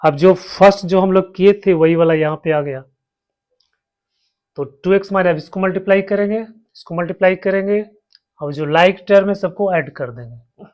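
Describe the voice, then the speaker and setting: A man's voice: high-pitched, moderate pace, a little mellow. A man teaching a maths lesson, walking his students through each step and repeating terms as he writes. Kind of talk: slow blackboard maths lesson.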